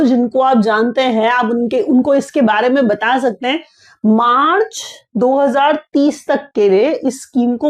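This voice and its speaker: A woman's voice: sits high, a little mellow. A woman teaching an exam-prep lesson in a conversational way, restating each point and asking the listener questions. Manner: explains by repeating and restating, asks the listener questions.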